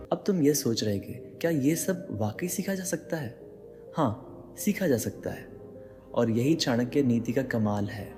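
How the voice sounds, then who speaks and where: A man's voice: medium pitch, dark tone. A man giving dramatic motivational narration, speaking straight to the listener with rhetorical questions. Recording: long reverb with faint background music.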